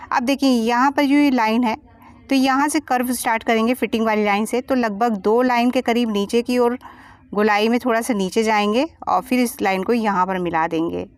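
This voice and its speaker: A woman's voice: a little high, no echo. A woman giving a step-by-step sewing tutorial as a voice-over, patiently explaining each measurement and cut. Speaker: sewing teacher.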